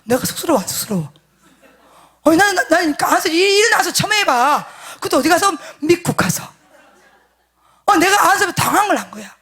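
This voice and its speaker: Woman pastor, high voice with wide swings, animated sermon storytelling that moves from hushed to emphatic. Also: fairly quick, long pauses. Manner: addresses the congregation directly, seeking agreement.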